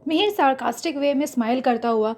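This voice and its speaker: A woman narrating a romantic audio story in a smooth, steady storytelling manner. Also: sits high, fast.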